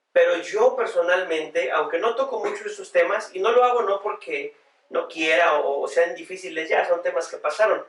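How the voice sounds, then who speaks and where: A man who is a pastor, telling his personal story as a podcast guest in a reflective, earnest way, often pausing on filler words. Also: high voice, fairly bright tone. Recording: roomy sound, voice far from the mic.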